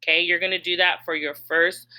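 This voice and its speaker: A woman's voice: fairly low pitch, flat delivery, brisk, bright, forceful tone, smooth, poor audio. A woman teacher explaining a grammar lesson patiently, step by step, asking her students questions as she goes. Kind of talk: recorded classroom lesson.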